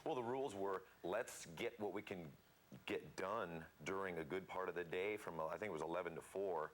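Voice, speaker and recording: A man's voice: low voice, normal speed, slight background noise, poor audio. A man, a rock musician and father, speaking reflectively and plainly as an interview guest. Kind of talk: casual interview talk.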